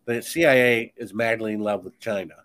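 A man's voice: fairly low pitch, brisk, a bit bright. A man speaking as a guest author in a podcast conversation, talking in an emphatic, insistent, preachy way.

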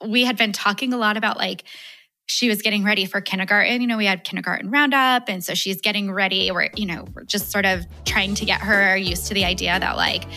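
A woman's voice: mid-range voice, steady tone, fairly quick, bright, forceful tone, soft background music. A woman in her thirties casually telling a story about her young daughter as a podcast guest, chatty and laughing often, with lots of "like" and "you know".

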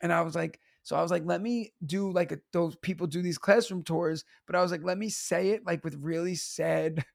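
New teacher with a gravelly voice. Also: male voice, a little high, fairly quick, hardly any pauses, dry recording, clean studio sound. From United States. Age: 30s. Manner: animated, laughing, acts out voices in his stories. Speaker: teacher and stand-up comedian, guest. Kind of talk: casual storytelling interview.

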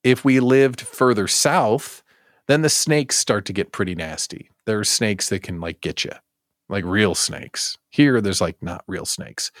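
This clean, dry studio recording features an American host of a daily live show aimed at small business owners. He speaks in an unhurried way, his voice on the low side, and jokes with his audience by repeating words for emphatic comic effect.

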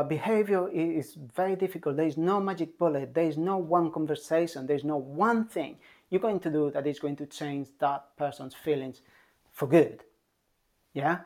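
Calm parenting coach who keeps asking "yeah?". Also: medium pitch. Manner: calm and emphatic, checks in with a frequent "yeah?"; repeats key points for emphasis. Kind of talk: advice talk to parents.

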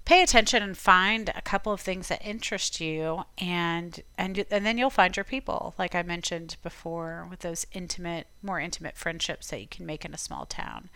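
A woman from Florida hosting a podcast, giving chatty, encouraging advice in a relaxed conversational way. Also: on the low side, normal speed, few pauses, smooth, dry recording. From Tampa, Florida. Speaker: podcast host. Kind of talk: casual advice talk.

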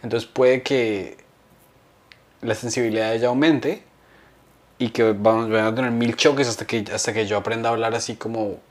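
A young man chats on a comedy podcast. He tells stories with lots of slang and acts out what other people said in a lively way. His voice sits in a middle pitch. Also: moderate pace. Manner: animated storyteller, slangy, acts out quotes. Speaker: podcast co-host. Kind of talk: casual comedic chat.

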